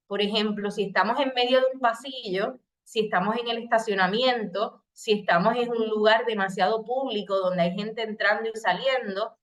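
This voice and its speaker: A woman's voice: on the high side, a bit bright. A middle-aged woman from Puerto Rico, speaking with a Puerto Rican Spanish accent, gives a recorded training lecture as a psychologist, explaining steps patiently and acting out short example phrases. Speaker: psychologist giving a training session. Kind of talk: recorded lecture on crisis communication.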